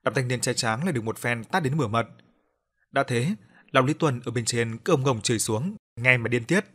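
A male storyteller narrates an audiobook in a plain, colloquial manner. His voice sits at an ordinary middle male pitch. He often interrupts the tale with scornful, cursing comments about the characters. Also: a little fast, a bit bright, slightly rough.

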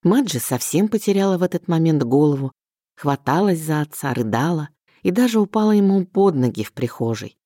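A woman narrating an audiobook in an expressive literary storytelling manner. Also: deep voice, brisk, no echo, studio quality. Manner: expressive storytelling, mixing plain telling with inner voice. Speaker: audiobook reader.

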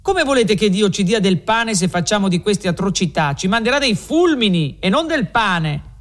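A man's voice: high-pitched, lively intonation, moderate pace. An upright young peasant man pleads with a crowd in an indignant, slightly raised voice, as a male reader gives him words. He sounds earnest and shaken. It is storybook drama.

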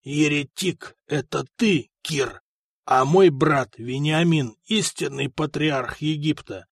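A tortured male heretic, hoarse and barely able to speak, yet stubbornly defiant, played by a man reading the story. His words come out in a dry, rasping near-whisper, close to the mic. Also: fairly high pitch, takes it slowly, no room sound, full character voice.

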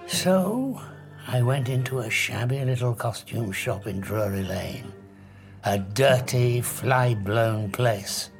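An actor with a British accent playing a proud, haunted fugitive scientist, theatrical and formal, in an audio drama. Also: male voice, medium pitch, lively intonation, slow pace, faint music behind. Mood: grave, haunted.

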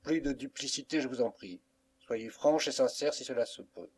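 A man's voice: medium pitch, normal speed, a little mellow, breathy edge, pitched above the performer's own voice. A man reading the part of a stern, scheming middle-aged nobleman in an audiobook, speaking coldly and with disdain. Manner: cold, disdainful.

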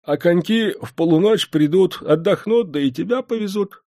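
Man doing a frail old coachman, meek, slow and even, lifted high above a plain male voice, dry close audiobook sound. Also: no room sound. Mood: humble. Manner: slow, even, humble speech.

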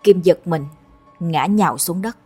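A woman's voice: fairly low pitch, a little slow, husky, soft background music. Woman narrating a horror tale. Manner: steady, dramatic storytelling.

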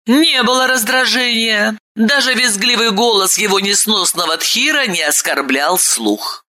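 A woman narrating an audiobook chapter in a measured, expressive reading voice. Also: fairly high pitch. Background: faint music.

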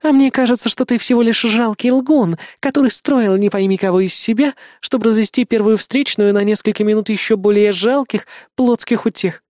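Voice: mid-range voice, fairly quick, few pauses, a little mellow, no room sound, pitched above the performer's own voice, lightly acted. A reader voicing Vika, a predatory young woman who taunts and teases in a raised voice in a dry-sounding storybook reading. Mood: taunting.

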